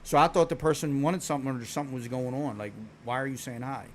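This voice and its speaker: Speaking fast in a mid-range voice with a bit of hiss or hum behind it, a Philadelphia streamer swears and rambles as he tells viewers stories, frequently starting over.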